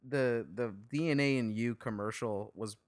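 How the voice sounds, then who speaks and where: A man's voice: mid-range voice, moderate pace, no room sound, clean studio sound. A man co-hosting a podcast, chatting easily about a TV episode with self-deprecating remarks. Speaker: podcast co-host. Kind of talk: casual review chat.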